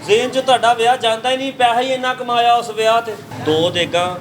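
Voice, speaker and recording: A man's voice: extremely high pitch, steady tone, fast, slight background noise, low-quality recording. A man playing a caterer in a comic sketch, brash and teasing as he takes an order.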